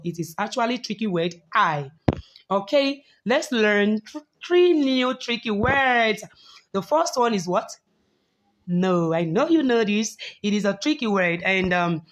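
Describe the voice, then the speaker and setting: Slow, patient woman teaching phonics. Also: medium pitch. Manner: slow, patient, repeats words for learners. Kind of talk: online phonics lesson for young children.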